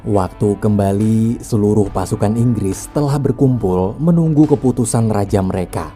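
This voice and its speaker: Dark-voiced man narrating a story. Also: fairly low pitch, moderate pace. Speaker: film recap narrator. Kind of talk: scripted story narration with casual asides. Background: background music.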